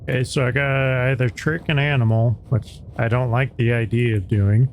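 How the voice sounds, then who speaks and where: A man chats through his game session with wry, offhand asides. His voice has a gravelly edge, and faint noise sits behind it. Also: mid-range voice, steady tone, normal speed, a little mellow. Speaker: player. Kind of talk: casual let's-play commentary.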